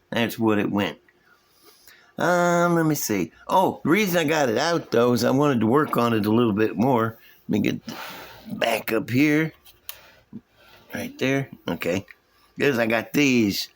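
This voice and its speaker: A man with a slow, folksy drawl, casually showing and explaining his hobby projects to viewers. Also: medium pitch. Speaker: hobby model-building vlogger. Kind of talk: casual show-and-tell commentary.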